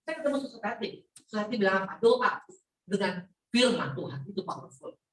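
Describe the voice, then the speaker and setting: A middle-aged woman preaching an animated, playful sermon to a women's Bible class, mixing in English words. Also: medium pitch, fairly quick. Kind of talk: lively sermon. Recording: echoey hall, voice from a distance.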